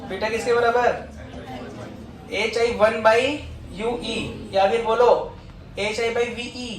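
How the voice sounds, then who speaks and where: A male physics teacher giving a classroom lecture, coaxing his students to confirm each step and dictating notes slowly. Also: very high-pitched, flat delivery, a little hiss or hum. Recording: echoey classroom from far off.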